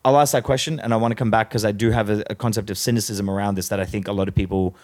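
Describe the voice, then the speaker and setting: A man in a casual conversation, talking in a thoughtful, measured and analytical way. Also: on the low side, fairly even intonation, a little mellow. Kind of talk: casual conversation about philosophy.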